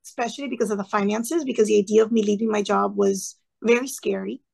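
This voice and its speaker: Speaking fast with vocal fry and a slightly rough, medium-pitched voice, a former teacher in her thirties shares her story conversationally in an interview. Her family background is Cuban; she's earnest and animated, voicing the people she quotes in lively asides.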